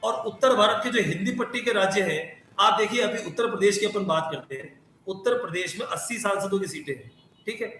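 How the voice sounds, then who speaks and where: A man speaking as a party spokesperson in a heated TV panel debate, insulting his opponent and shouting over others. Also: high-pitched, brisk. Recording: very echoey remote feed with faint noise.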